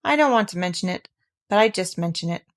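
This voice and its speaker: A woman voicing a gloomy, self-pitying old male donkey who grumbles slowly and mournfully. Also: on the low side, expressive.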